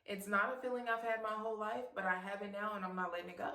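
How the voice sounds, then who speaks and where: A woman's voice: medium pitch, level tone, quick pace, far from the mic. Chatty woman vlogging in an echoey room. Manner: chatty and encouraging, calls the viewer "girl"; warm and emotional, laughs at herself. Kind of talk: heartfelt casual talk to camera.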